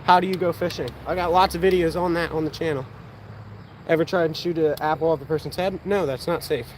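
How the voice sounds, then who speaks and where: This outdoors channel host, an eighteen-year-old young man from Pennsylvania judging by his accent, talks fast in a slightly high voice with fairly even intonation. He chats on a livestream, fielding viewer questions while practicing archery outside, with faint outdoor background noise.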